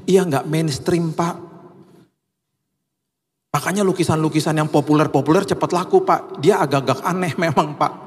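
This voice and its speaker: A man's voice: on the high side, normal speed, pauses often, pitched above the performer's own voice, lightly acted. A man voicing a young female event organizer coaxing and pleading in a church hall.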